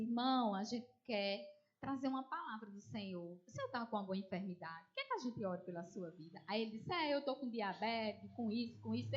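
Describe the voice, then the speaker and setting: On a lo-fi recording, a woman with a fairly high voice preaches her testimony in Northeastern Brazilian Portuguese. She narrates animatedly, imitates the voices of the story's characters, and addresses her audience as dear ones.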